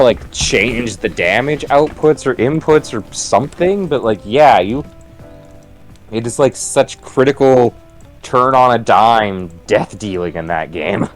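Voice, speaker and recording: A man chatting over a video game in a loose, rambling way, piling up "like" and restarting his sentences. His pitch sits in the middle for a man, and soft game music plays faintly behind him. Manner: rambling, many "like" fillers and restarts, laughs often. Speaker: let's play co-host. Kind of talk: casual gaming commentary.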